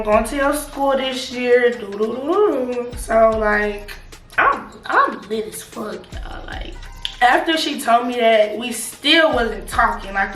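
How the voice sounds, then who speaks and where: Young female storytime vlogger, higher-pitched, gossipy and slangy; roomy sound with music behind. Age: young adult. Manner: animated, slangy, confiding gossipy delivery. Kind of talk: casual gossipy storytime chat. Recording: roomy echo, distant mic, music behind.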